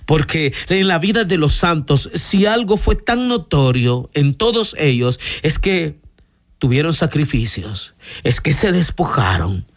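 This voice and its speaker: A man preaching a sermon earnestly, addressing the congregation as beloved brothers. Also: on the high side.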